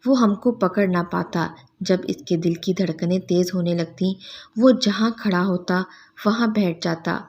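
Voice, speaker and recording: Low-voiced woman narrating a sad story. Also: darkish tone.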